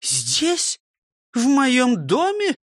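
A man voicing a cheerful, fussy elderly schoolteacher woman who exclaims brightly. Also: very high-pitched, big pitch swings, moderate pace, no room sound, clean studio sound, pitched above the performer's own voice, heavily acted. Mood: delighted. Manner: chirpy, exclaiming.

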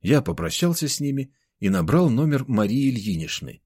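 A man's voice: mid-range voice, sing-song, moderate pace, a little mellow, slightly rough, no echo, clean studio sound. A man reading a first-person novel aloud as an audiobook narrator.

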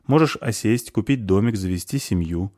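An impulsive young man, weighed down by guilt and speaking in an agitated way, as a man reads him. The voice stays close to the reader's own, warm and low in a dry space. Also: lively intonation, moderate pace. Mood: troubled. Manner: agitated, remorseful.

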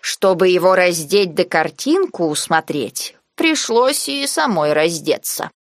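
A woman reading the part of a proud, buxom maid with rustic, drawn-out speech. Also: fairly low pitch, very animated, no echo, clean studio sound.

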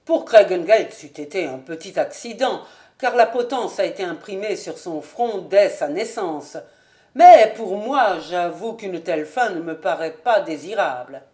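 A woman narrating an audiobook in a measured, even storytelling manner. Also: lowish voice. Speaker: audiobook reader.

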